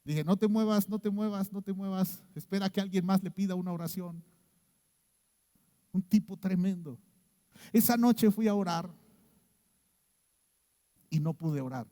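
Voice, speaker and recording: High-voiced Mexican pastor telling a story. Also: male voice, a little slow, pauses often, in a large hall. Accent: Mexican Spanish. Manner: storytelling, dips low and hushed to mimic a prophet, asks "¿sí?" often. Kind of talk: sermon.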